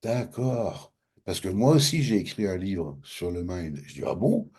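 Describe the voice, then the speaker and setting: A man's voice: sits low, normal speed, husky. A man from France with a French accent, telling a personal story in an interview and acting out past conversations. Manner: animated, acts out both sides of past dialogues. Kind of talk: casual storytelling.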